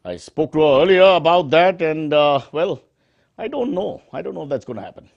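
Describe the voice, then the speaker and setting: Animated Indian man as parody news anchor. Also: on the high side, a little fast, creaky, lo-fi sound, loud music behind the voice. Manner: mock-serious, exclamatory, with exasperated asides. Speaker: host of a news satire show.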